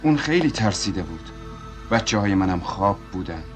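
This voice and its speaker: A man voicing a calm, concerned family man in a dubbed film, speaking in a measured, apologetic way and then reassuringly. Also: low-pitched, over loud music. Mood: earnest. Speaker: family friend recounting events. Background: film score.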